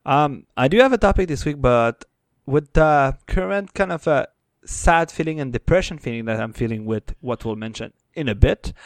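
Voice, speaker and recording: A man co-hosting a casual podcast, speaking in halting, hesitant phrases. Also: medium pitch, clear, resonant tone, no echo. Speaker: podcast co-host.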